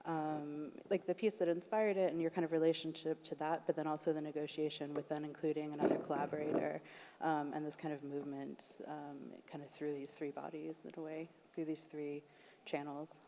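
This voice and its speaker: A woman's voice: sits low, flat delivery, fairly quick, warm tone. A woman moderating a panel, posing questions with many fillers. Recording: long hall reverb, faint noise.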